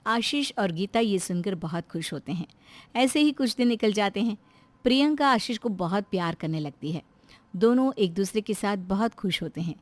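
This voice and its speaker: A woman narrating a cartoon moral story in a scripted, expressive storytelling manner. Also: mid-range voice, normal speed, dry recording.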